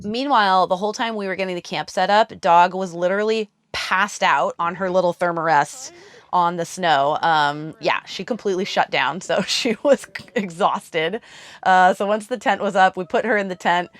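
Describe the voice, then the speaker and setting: A woman's voice: lowish voice, normal speed, no echo. A young adult woman co-hosting a travel vlog, chatting casually with lots of fillers about a camping trip. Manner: chatty, upbeat, many fillers. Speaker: vlog co-host. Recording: voice with loud background music.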